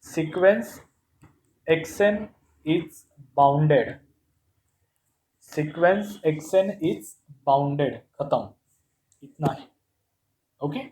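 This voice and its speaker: A man's voice: on the high side, darkish tone, reverberant, rough recording. A man teaching a math lesson step by step, asking rhetorical questions and mixing Hindi with English terms. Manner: playful, calls terms "bhai sahab".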